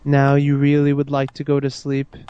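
A man talks a listener into hypnotic sleep in a slow, soothing, repetitive way. His voice is smooth and mellow, held low and even. The recording sounds dull and lo-fi. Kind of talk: guided hypnosis induction.

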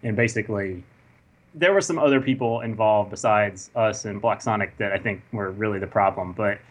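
A man's voice: fairly low pitch, moderate pace. A man in a casual podcast chat, carefully correcting his own words as he goes.

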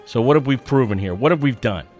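A man's voice: mid-range voice, animated, fast, darkish tone, faint music behind. Profane, self-mocking male storyteller. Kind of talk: personal storytelling monologue.

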